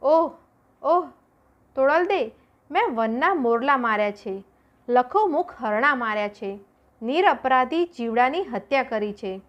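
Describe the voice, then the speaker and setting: A woman voicing a once-proud warrior gone to pieces in a storybook, crying out in frantic wails. The voice climbs high and swings wildly as he begs for his life. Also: lively intonation, unhurried. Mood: pleading. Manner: frantic wailing cries and pleas. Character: proud male warrior gone terrified, pleading.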